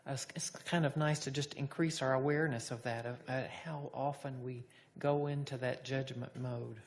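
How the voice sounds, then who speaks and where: Female meditation instructor, low register, guiding a group debrief with reflective, tentative wording. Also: steady tone, moderate pace, darkish tone, slight background noise. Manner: hesitant, reflective, echoes back what participants say. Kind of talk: informal group class discussion.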